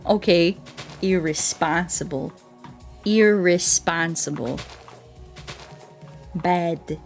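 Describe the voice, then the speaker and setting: Pitched fairly low, a woman livestreams a game with casual, playful commentary, talking to her viewers and frequently repeating words and phrases.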